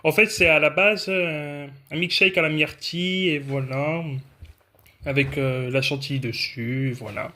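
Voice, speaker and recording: Young French food vlogger, chatty and rambling, lightly raised pitch, self-corrects constantly. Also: male voice, steady tone, measured pace, sharp tone, slight background noise. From France. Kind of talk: casual tasting vlog.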